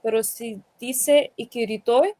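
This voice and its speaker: Woman explaining in careful halting spanish, mellow and kinda high, dry. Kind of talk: casual class discussion.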